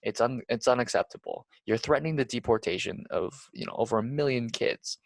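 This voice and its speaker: A man's voice: medium pitch, brisk, gravelly, no room sound. A young man co-hosting a casual podcast, talking earnestly with many restarts. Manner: earnest, full of "you know" restarts. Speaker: podcast co-host.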